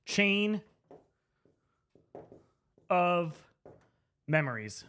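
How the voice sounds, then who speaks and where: A sing-song, high-sitting voice, fairly bright, clear and resonant, stretches out its words. The man, a presenter, is drunkenly explaining a story to camera in a loose slangy ramble, emphatically repeating names and phrases for comic effect.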